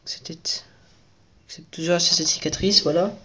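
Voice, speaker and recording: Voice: mid-range voice, steady tone, a little slow, bright, forceful tone, breathy edge, in a whisper, highs cut off. A toy reviewer giving casual commentary while building a set at home at night, chatty and repeating the same praise.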